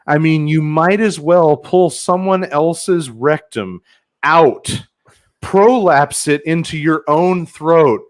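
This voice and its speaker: A man's voice: on the high side, slow pace. A man hosting a podcast with crude, sarcastic commentary. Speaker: host.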